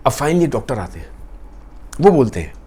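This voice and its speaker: A man's voice: medium pitch, very animated, normal speed, dark tone, breathy edge. Man casually retelling a novel, dramatic. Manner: conversational, dramatic. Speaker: storyteller.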